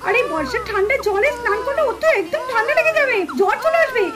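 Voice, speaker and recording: A worried mother doll from a puppet cartoon, voiced by a woman. She scolds firmly and sharply. The voice stays extremely high. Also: lively intonation, fast, heavy background noise. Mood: scolding. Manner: scolding, firm.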